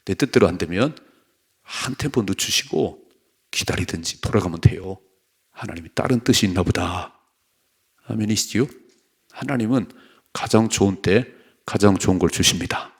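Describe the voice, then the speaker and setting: Male pastor, husky and gravelly, dawn sermon, emphatic and questioning. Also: deep voice, normal speed, long pauses.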